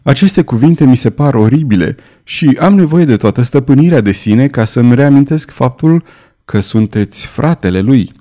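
A man voicing a timid, frightened young woman pleading with her lover, in a mellow voice. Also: medium pitch, expressive, natural voice. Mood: anxious. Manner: trembling, pleading.

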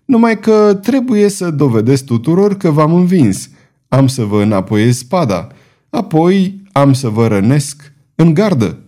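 Un bărbat jucând un spadasin trufaș și batjocoritor. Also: male voice, on the high side, sing-song, warm tone. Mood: threatening. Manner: boastful, taunting, triumphant. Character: proud, mocking adult male swordsman, fortress governor.

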